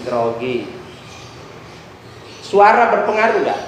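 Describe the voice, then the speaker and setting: Middle-aged man with a lilt and a high voice, a chatty, joking ustadz lecturing on preaching, booming echo. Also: very animated, slow pace. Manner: chatty, joking, acts out examples with shifting pitch. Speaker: ustadz teaching a class on preaching. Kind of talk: casual lecture with jokes and asides. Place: large echoey hall. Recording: very echoey room recording, faint noise.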